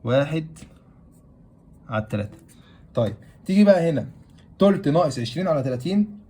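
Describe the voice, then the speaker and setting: Rapid-talking Egyptian math teacher, man. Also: fairly high pitch, expressive, mellow, breathy edge. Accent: Egyptian Arabic. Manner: asks questions aloud and answers them himself. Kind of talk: classroom-style math lesson.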